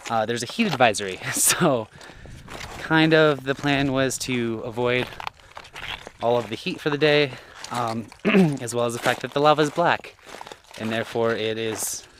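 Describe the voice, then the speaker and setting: A man's voice: mid-range voice, background noise. Man vlogging while hiking a trail. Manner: rambling, chuckles often, many fillers. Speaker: thru-hiker vlogger. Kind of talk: casual vlog narration while hiking. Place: outdoors on a trail at dusk.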